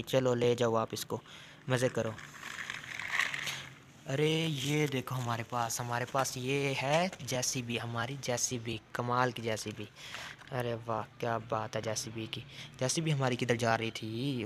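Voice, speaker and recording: Guy playing with toy trucks and narrating, lots of "wow", kinda flat tone, faint hiss behind. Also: mid-range voice. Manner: excited, exclamatory, talks to toys like a child. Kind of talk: playful narration of toy play.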